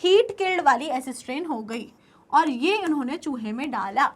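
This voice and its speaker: A woman's voice: high voice, animated, moderate pace. A young woman teacher giving an online class lecture. She keeps asking her students questions and then answers them herself.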